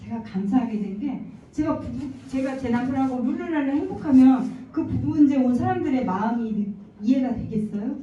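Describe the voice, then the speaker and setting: A woman's voice: high voice, animated, moderate pace, hardly any pauses, mellow, a little hiss or hum. A woman in her forties giving a personal testimony to a congregation, telling her story earnestly and acting out the dialogue. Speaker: church member giving testimony. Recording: echoey hall, distant mic, dull lo-fi sound.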